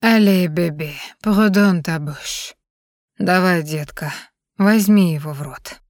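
Lady reading as a bossy young guy in bed, low commanding murmur, dry close sound. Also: slow, no room sound. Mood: coaxing. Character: teasing, domineering young male lover.

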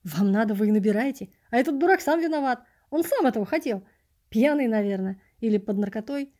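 A woman's voice: fairly high pitch, expressive, a little fast, dark tone, natural voice. A woman reading an audiobook, voicing a self-righteous middle-aged male scholar who speaks with contempt. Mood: contemptuous.

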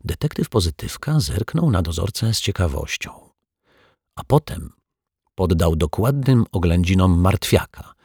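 A man reads a children's story aloud at a slow, unhurried pace. His voice is very low and gravelly, with a husky edge, recorded close in a dry space. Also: no room sound. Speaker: narrator. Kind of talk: audiobook reading for children.

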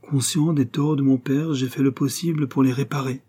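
A man reading the part of a composed young gentleman who speaks frankly and tries to make peace. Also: medium pitch, fairly even intonation, normal speed, slightly rough, voice pushed up, lightly acted. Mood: pleading. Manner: frank and conciliatory.

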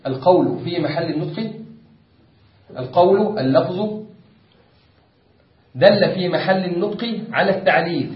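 Egyptian male teacher, patient drilling manner, slightly high voice; distant, echoey, muffled recording. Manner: patient, repeats and drills points, quizzes students. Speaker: Islamic law teacher. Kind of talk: classroom lesson explaining a text. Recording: echoey room, distant dull mic.

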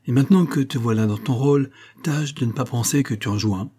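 A man voicing a jovial, theatrical male opera singer who speaks in a lively, expansive and commanding way. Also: mid-range voice, fairly quick, slightly rough, close to an everyday voice.

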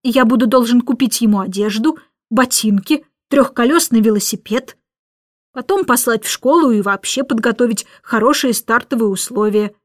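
A woman voicing a grumbling middle-aged father in a storybook reading, loud and hurried. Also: a little high, dry recording, studio quality, lightly acted. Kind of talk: audiobook character reading.

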